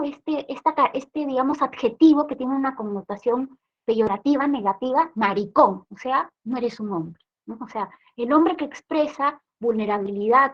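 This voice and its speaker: Capacitadora peruana de voz aguda, explica con pausas y preguntas retóricas; sonido apagado, de baja fidelidad. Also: female voice, high-pitched, highs cut off. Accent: Peruvian Spanish. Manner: explanatory, frequent rhetorical "¿no?" tags. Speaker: trainer. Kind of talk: training lecture.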